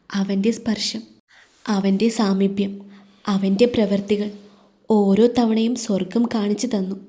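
Woman storyteller, scripted romance narration, mellow and soft, steady intimate reading. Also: mid-range voice.

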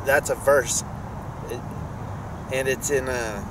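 Slow, halting middle-aged man outdoors. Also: medium pitch, steady tone. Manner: slow, halting, many "uh"s and restarts. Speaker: fishing vlogger. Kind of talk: casual outdoor vlog. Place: outdoors by a park pond. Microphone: camera on a stand, then head-mounted camera. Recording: outdoor noise behind the voice.

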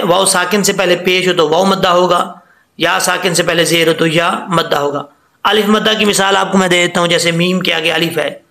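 A man gives a tajweed lesson on the rules of Quran recitation, patiently explaining each letter and drawing out example words to demonstrate. His voice is high-pitched and creaky with a sharp tone, and the sound is reverberant.

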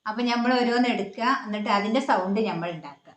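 A woman's voice: medium pitch, fast, a little hiss or hum. A woman hosting a home vlog in casual chat, explaining the game's rules in a chatty way. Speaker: vlog host. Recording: roomy echo.

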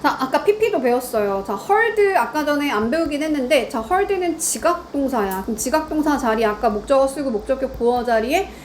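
A woman's voice: high voice, lively intonation, moderate pace, hardly any pauses, slight background noise. A woman teaching grammar in a lecture, quizzing her students and answering her own questions.

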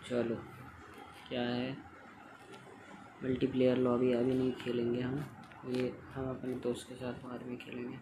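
A young man streaming a game and chatting loudly with friends on a call, joking and complaining as he plays. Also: mid-range voice, completely flat delivery, a little slow, long pauses, noisy background. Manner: loud, joking banter with friends. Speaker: gaming streamer.

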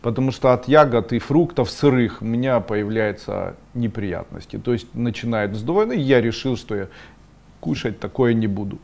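With a gravelly, medium-pitched voice and a moderate pace, a middle-aged man hosts an esoteric webinar. He voices viewers' questions and answers them bluntly, sometimes scolding in sharp rising bursts.

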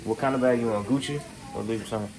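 In a cramped apartment kitchen full of sizzling noise, a young man records a casual cooking vlog on his handheld phone. He talks fast in a mid-range voice, joking and slangy with his viewers.

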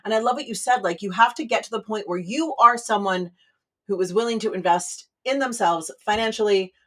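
A woman's voice: mid-range voice, fairly quick, a bit bright. A woman hosts a podcast interview in a mid-range voice. She talks in a chatty, conversational way and keeps checking in with her guest. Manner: chatty, tags sentences with "right?" and "you know". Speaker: podcast host.

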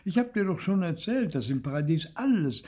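An older man voicing a poor, short-tempered peasant husband who scolds loudly and impatiently, in a husky voice. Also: on the high side, sing-song, brisk, voice pushed up. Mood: scolding.

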